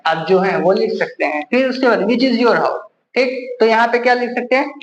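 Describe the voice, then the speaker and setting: High-voiced man teaching grammar, echoey room. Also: fairly bright tone. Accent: Hindi. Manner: repeats rhetorical questions to the class. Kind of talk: classroom grammar lesson.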